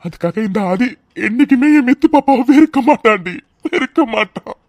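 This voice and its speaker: A devoted young husband from a cartoon drama, voiced by a woman, speaks in a fairly high voice, tender and pleading. The sound is close and completely dry, with no room around it. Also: lively intonation, a little fast, darkish tone, no echo, natural voice. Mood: tearful tender. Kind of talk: tearful cartoon drama voice acting.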